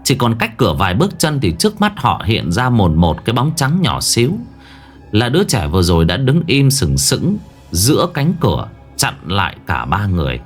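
A man's voice: fairly low pitch, huge pitch swings, normal speed, soft background music. A man narrating a horror story with dramatic, suspenseful delivery.

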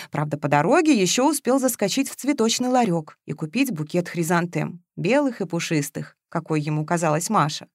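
A woman with a lowish voice narrates an audiobook from a script, her reading measured and expressive. The recording is clean studio sound with no echo.

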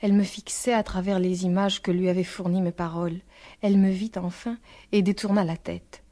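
A woman narrating a literary novel as an audiobook, with a measured, even reading. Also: fairly low pitch.

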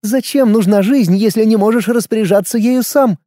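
A man's voice: high-pitched, normal speed, warm tone, dry recording, voice pushed up, lightly acted. A man voicing a self-assured older woman. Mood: lecturing, breezy. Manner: lecturing, knowing.

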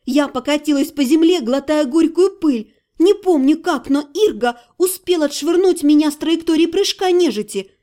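A woman narrating a first-person fantasy audiobook in an expressive storytelling manner. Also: sits high, normal speed, hardly any pauses. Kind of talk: scripted narration.

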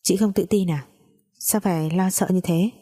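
A woman voicing a calm, self-assured young woman who answers in a cool, cutting way. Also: on the low side, moderate pace, breathy edge. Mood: cold.

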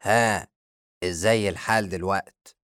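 A man's voice: deep voice, fairly even intonation, no echo, clean studio sound. Man doing an angry Egyptian sorcerer. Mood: scolding. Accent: Egyptian Arabic. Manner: loud, fast, scolding. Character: short-tempered male sorcerer, pompous and lecturing.

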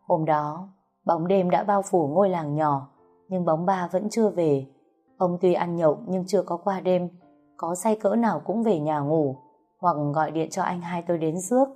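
Female narrator for a read-aloud story; low, dark-toned, measured and plaintive, soft background music. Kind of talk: scripted first-person narration.

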